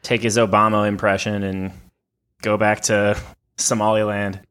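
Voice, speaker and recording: Sharp-voiced sarcastic man with quips. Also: lowish voice, flat delivery, normal speed, smooth. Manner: sarcastic one-liners, crude jokes. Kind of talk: casual political chat.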